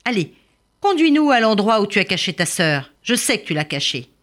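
A sweet-talking young prince from a storybook, voiced by a woman narrator pitches his voice high and bright. It rises and falls in lively arcs as he coaxes. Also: brisk. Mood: insistent. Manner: high, eager, coaxing.

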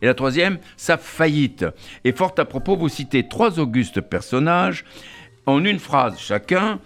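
A man's voice: on the high side, expressive, unhurried, fairly bright tone. A man hosting a radio interview show, formally reading out a long introduction of his guest with some hesitations. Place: radio studio.

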